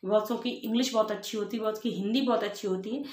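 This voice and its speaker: A woman's voice: medium pitch, fast, darkish tone. A woman teacher giving an exam-prep lecture, explaining in simple words, asking rhetorical questions and checking in with "ठीक है". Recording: echoey room.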